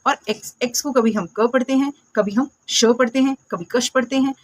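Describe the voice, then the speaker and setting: Higher-voiced woman teaching phonics. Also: no echo. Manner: asks questions and answers them herself, repeats words slowly; patient, calls viewers "my dear friends" and "beta". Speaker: English teacher. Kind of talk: classroom phonics lesson.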